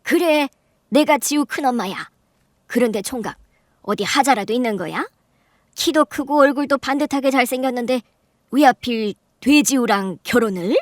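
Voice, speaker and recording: A shrill, high-voiced middle-aged aunt, acted by a woman in a radio drama, mocking and loud. Her voice jumps up in scornful disbelief. The studio sound is dry and close. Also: animated, moderate pace, dry recording, natural voice. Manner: sneering, loud and incredulous, high-pitched outbursts. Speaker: voice actor. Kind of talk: Korean radio drama acting.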